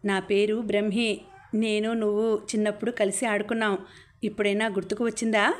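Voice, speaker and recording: A woman's voice: mid-range voice, flat delivery, a little fast, close to an everyday voice. A woman voicing a teasing young man. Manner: teasing, easygoing. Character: friendly young man, childhood friend.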